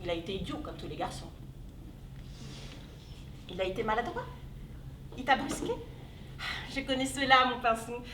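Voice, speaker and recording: An amateur actress playing a pleading, panicky older sister in a stage play, heard from a distant camera. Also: female voice, lively intonation, normal speed, long pauses, background noise, natural voice. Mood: coaxing. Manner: pleading, then shrill and panicky. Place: theater stage. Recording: echoey hall, distant camera.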